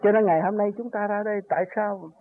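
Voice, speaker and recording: A man's voice: high-pitched, fairly even intonation, fast. An older man giving an earnest, rambling spiritual talk that rises to emphatic peaks as he recounts his own journey. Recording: tinny phone-like recording with faint noise.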